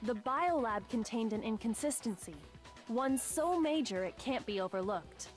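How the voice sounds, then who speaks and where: An actress voicing a calm, coolly reasoning character in a video game. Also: female voice, fairly high pitch, normal speed, close to an everyday voice. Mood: composed. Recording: game audio with music behind. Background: game music.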